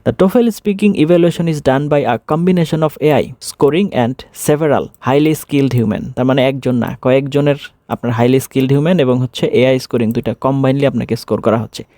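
Male instructor with a Bangladeshi accent, mellow voice, dry close sound; reads English slowly, explains in between. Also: medium pitch, no echo. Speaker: TOEFL instructor. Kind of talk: explanatory lesson.

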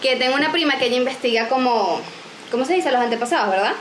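A Venezuelan woman in her twenties vlogs from a small room at home, filming at arm's length indoors. Her voice sits high and she talks quickly, chatting animatedly, joking, and gesturing a lot. The audio is reverberant with a little hiss or hum.

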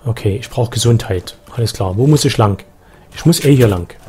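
A man with a Saxon German accent giving live let's play commentary, excitable, with loud outbursts and swearing at enemies. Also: on the low side, a little fast, breathy edge.

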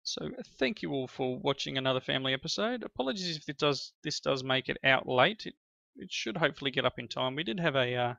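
Chatting through his gameplay, a middle-aged host of a gaming channel plays with his children and keeps praising them. His mid-range voice is fast, animated and creaky, bright and forceful, with hardly any pauses. The dry recording sounds slightly dull and lo-fi.

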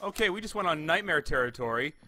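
A man's voice: fairly high pitch, lively intonation, fast talker, no room sound. A man in his thirties giving casual horror game commentary on a close microphone. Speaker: gamer commenting on horror games. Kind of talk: casual let's play commentary. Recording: gameplay with loud music behind.

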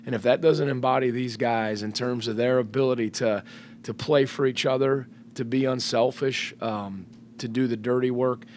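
This medium-pitched, slightly mellow male voice holds a steady tone and moderate pace, with a faint hiss or hum present. It belongs to a middle-aged head basketball coach at a post-game press conference, thoughtfully answering questions into a table microphone with frequent fillers and restarts, seated before a sponsor backdrop in a press room.

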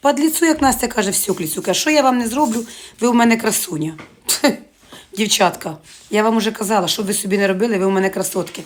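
Fast-chatting woman vlogger. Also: medium pitch. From Ukraine. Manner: chatty, joking, addresses viewers as girls. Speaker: market vlogger. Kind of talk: casual live chat to viewers.

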